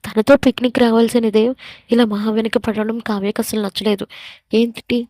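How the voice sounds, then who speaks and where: A woman's voice: on the high side, flat delivery, fairly quick, no room sound. A woman reading a romance story aloud, voicing the characters' quarrels in her own voice. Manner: reads every character's lines in her own voice, louder for the quarrels. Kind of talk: scripted story narration.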